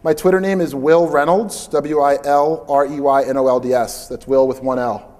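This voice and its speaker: A man giving a live conference talk in a loud, chatty, informal way. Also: mid-range voice, fairly even intonation, moderate pace. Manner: loud, chatty, invites interruptions. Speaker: conference speaker. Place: large conference hall. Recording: long hall reverb.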